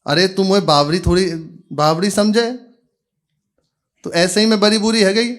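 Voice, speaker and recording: A man's voice: sits high, fairly even intonation, a little slow, pitched above the performer's own voice. A man voicing a stubborn, half-deaf old village mother who mishears and bickers in a rustic Braj accent. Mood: scolding mishearing.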